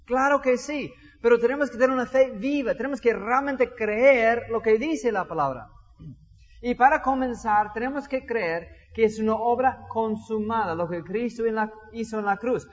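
A man preaching a sermon as pastor, animated, acting out little dialogues with shifting voices. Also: very high-pitched, normal speed. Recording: dull sound in a reverberant hall.

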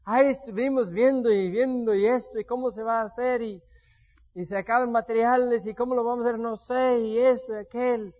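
A man's voice: extremely high pitch, steady tone, fairly quick, darkish tone, highs cut off. A man giving a sermon with personal testimony, telling stories and acting out what he once said. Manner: storytelling, acts out his own past words. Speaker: preacher.

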